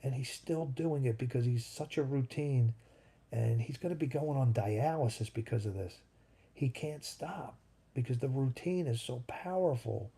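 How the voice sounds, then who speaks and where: In a casual live stream, a host in his fifties rambles and thinks aloud while replying to viewers' comments. His voice is medium-pitched, warm and husky, and he speaks at normal speed.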